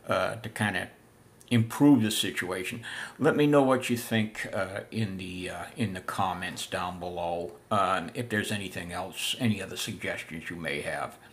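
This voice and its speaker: An older man with a fairly low voice gives a casual, unhurried history talk with many filler pauses. He works as a living history presenter and sits in a room full of antiques.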